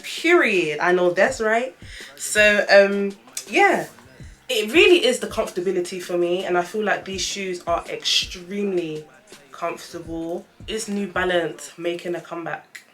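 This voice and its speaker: With faint music behind her, a young woman with a lowish, fairly bright voice reviews trainers at a measured pace in a vlog. She chats casually and emphatically, and her dental aligners cause a lisp with whistling s sounds.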